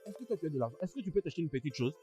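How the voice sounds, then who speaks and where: An actor dubbing a brash young man into French, a hot-headed brother with a husky voice who threatens an old rival. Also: medium pitch, animated, very fast, warm tone, faint music behind, lightly acted. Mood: threatening. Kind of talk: French film dub.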